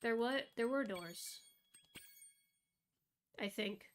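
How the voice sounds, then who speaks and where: A woman's voice: a little high, very slow. A woman streamer chatting casually while playing a game, thinking aloud and answering chat. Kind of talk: casual gameplay commentary. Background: game music.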